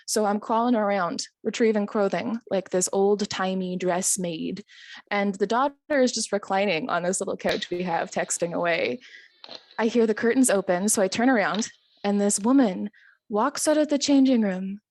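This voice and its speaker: A woman's voice: medium pitch, darkish tone, no room sound. A woman telling a long comic story in a stand-up set, chatty and self-amused, with frequent ums and little chuckles. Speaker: stand-up comedian.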